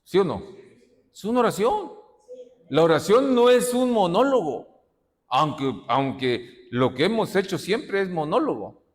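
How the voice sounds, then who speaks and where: Male pastor, animated and unhurried sermon, long church-hall reverb. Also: sits high. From Mexico. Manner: preaches with shouted dramatic quotes and rhetorical questions.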